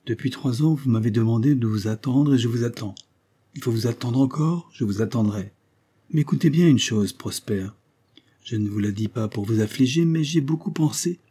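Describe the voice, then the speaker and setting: A man's voice: medium pitch, normal speed, slightly rough, lightly acted. A man reading a grave faithful young village woman. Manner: quiet, grave and steady.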